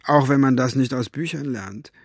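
A man voicing a sly, scornful grown man who speaks low and conspiratorially. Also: moderate pace, breathy edge, no echo, studio quality. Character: sly, scornful male fire-juggler, secretive.

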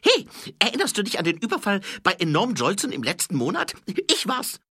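An old braggart thief: high, squeaky, loud, husky. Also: male voice, huge pitch swings, brisk, dry recording, studio quality, heavily acted. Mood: boastful. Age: older. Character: old shabby male street thief, boastful.

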